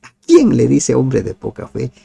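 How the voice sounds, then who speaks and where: A man giving a devotional Bible commentary, asking his listeners rhetorical questions and dropping to soft, nearly whispered pleas. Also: mid-range voice, huge pitch swings, unhurried, creaky, husky. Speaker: Bible teacher.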